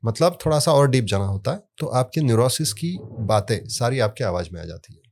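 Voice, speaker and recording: In a relaxed podcast conversation, a medium-pitched man explains sound therapy at a brisk pace. He tells stories and anecdotes from his work and hits key words hard with emphatic rises.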